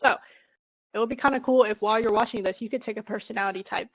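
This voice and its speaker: A woman hosting a drawing livestream, talking loosely and laughing a lot between thoughts. Her voice sits fairly high and sounds dry and close. The sound is squeezed into a thin, phone-like band. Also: very fast, no echo. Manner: chatty, laughs often, talks while drawing. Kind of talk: casual livestream chat. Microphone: computer mic she adjusts.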